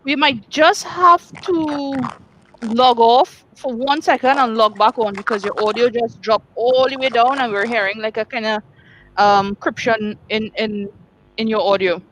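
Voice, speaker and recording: A woman hosts a panel discussion over a group video call, her voice sitting a little high. She talks in a brisk, practical way and keeps the conversation moving. A faint hiss lies under the call audio. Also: fairly even intonation, a bit bright, poor audio. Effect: heard over a group video call. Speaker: panel host.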